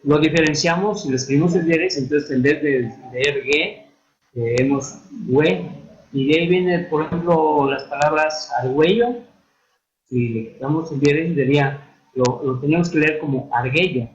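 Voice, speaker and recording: A man giving an online lesson on writing and spelling, with a Mexican Spanish accent, unhurried and hesitant with many fillers and restarts. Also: on the high side. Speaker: instructor. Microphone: computer mic for a virtual classroom. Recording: echoey, dull online-classroom audio.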